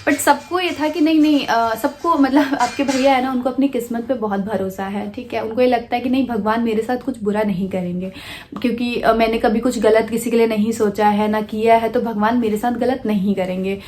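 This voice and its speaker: A woman vlogger telling a personal story in a soft, hesitant way, pausing often with fillers and restarts. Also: fairly high pitch, fairly even intonation, a little hiss or hum. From India.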